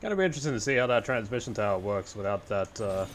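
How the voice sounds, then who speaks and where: A man's voice: on the low side, animated, fast, a little hiss or hum. A man giving casual video game commentary, talking to himself and reading game text aloud as he plays. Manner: talks to himself while playing.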